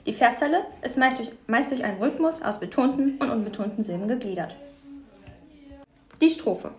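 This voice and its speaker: A woman's voice: on the high side, a little mellow, echoey room. A woman reading definitions steadily in a scripted school lesson. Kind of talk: scripted educational narration.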